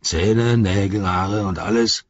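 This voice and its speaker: A man voicing a sly, mocking male orc soldier, speaking slowly and heavily in an audiobook reading. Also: fairly low pitch, no room sound, lo-fi sound. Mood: sneering. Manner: slow, heavy, sneering delivery.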